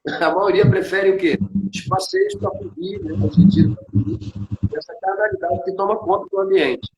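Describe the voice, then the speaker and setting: A man's voice: sits high, animated, moderate pace, highs cut off. A man with a Brazilian accent preaching in a conversation, emphatic, asking rhetorical questions and answering them himself. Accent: Brazilian Portuguese. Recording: echoey room with faint noise.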